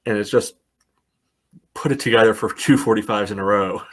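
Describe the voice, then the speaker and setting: An American man with a lowish voice co-hosts a casual soccer podcast, speaking at normal speed. He talks at length in this relaxed sports chat and drops in plenty of "you know" fillers.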